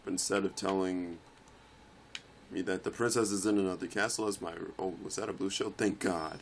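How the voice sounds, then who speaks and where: A young man commentating his own kart racing gameplay, swearing and yelling in frustration at the game. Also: low voice, fairly even intonation, brisk, a little hiss or hum. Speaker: let's play gamer.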